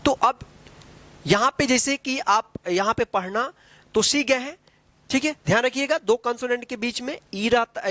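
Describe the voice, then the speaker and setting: A woman's voice: fairly high pitch, dry recording. A woman teaching English phonics, spelling words letter by letter, asking what they read and repeating each answer. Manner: drills words, repeats and asks the class. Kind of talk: classroom phonics lesson.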